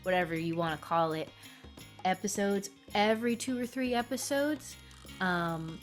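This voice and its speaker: A woman's voice: medium pitch, moderate pace. Female podcast host, informal and chatty, with light music underneath. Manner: informal, swearing freely. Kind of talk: casual podcast chat.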